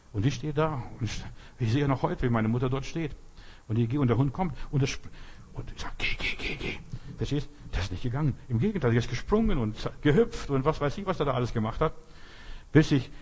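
A man's voice: mid-range voice, a little mellow, husky. An older man preaching a casual sermon who keeps checking in with his listeners and tells stories from his own life. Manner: informal preaching, often asks "verstehst?", tells personal stories.

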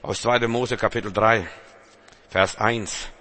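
A man preaching a sermon, fervent and swinging between loud bursts and quiet lows, reading from the Bible. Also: steady tone, measured pace. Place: church hall. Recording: long reverb of a church hall.

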